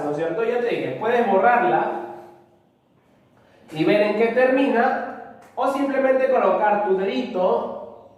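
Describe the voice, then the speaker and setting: A man teaching a spelling lesson, speaking patiently, repeating key words and asking rhetorical questions to check understanding. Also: high voice. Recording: very echoey room, distant mic.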